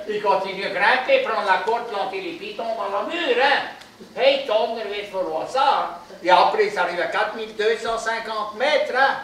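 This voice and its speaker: A man telling jokes live, chatty and peppering every line with "hein". His voice sits fairly high and comes from far off the microphone, with heavy echo from the hall around him. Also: normal speed, fairly bright tone, slight background noise. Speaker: joke teller. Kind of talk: live stand-up storytelling.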